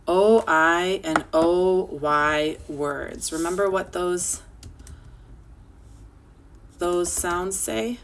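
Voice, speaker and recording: A woman teaching children an online phonics lesson, sounding out words slowly and clearly. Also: fairly low pitch, a little hiss or hum.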